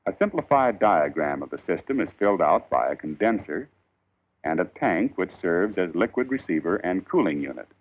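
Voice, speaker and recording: A man reading a scripted 1940s instructional film in a formal, measured, emphatic old newsreel narrator style. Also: deep voice, very animated. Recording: tinny band-limited 1940s film soundtrack.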